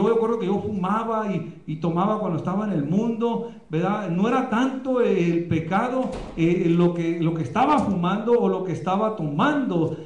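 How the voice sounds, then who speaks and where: A male pastor preaching a sermon with passion, often pausing on fillers. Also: high voice, darkish tone, reverberant. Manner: impassioned preaching, many filler pauses. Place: church, live streamed.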